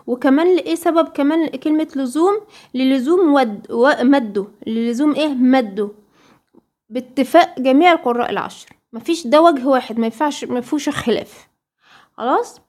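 Egyptian woman, tajweed teacher; high voice, patient drilling delivery with prompt questions and repeated terms. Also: a little mellow. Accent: Egyptian Arabic. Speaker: Quran recitation teacher. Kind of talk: tajweed lesson.

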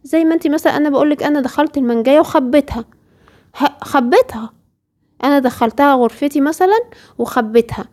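Woman, Egyptian accent, tajweed teacher, patient explanations, rhetorical questions, fairly high voice. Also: fast talker, a little mellow. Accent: Egyptian Arabic. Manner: explains patiently, asks rhetorical questions, speaks directly to a female student. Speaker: Quran recitation teacher. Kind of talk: tajweed lesson.

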